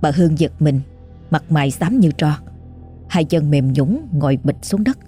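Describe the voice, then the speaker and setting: A woman narrating a scripted ghost story with a measured, suspenseful delivery. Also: sits low, dark tone, slightly rough, soft background music.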